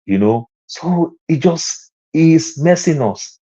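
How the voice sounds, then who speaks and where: This Lagos man speaks with a Nigerian accent in an expressive, slow voice with a breathy edge. Sitting on an online panel, he tells childhood tales, rising in pitch and volume to press his points. The recording sounds dull and lo-fi, like typical online audio.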